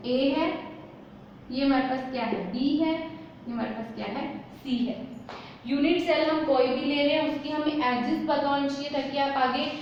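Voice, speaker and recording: A woman teaching a chemistry lesson, often asking a question and then answering it herself, with English terms mixed in. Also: high voice. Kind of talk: classroom lesson explaining at a board. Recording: very echoey room, dull lo-fi sound, faint noise.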